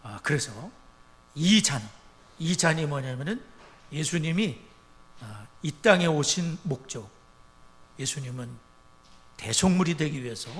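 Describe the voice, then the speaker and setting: A male pastor preaching a sermon in a church, with emphatic loud rises and quiet drops. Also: on the high side. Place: church sanctuary. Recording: church sanctuary with long reverb.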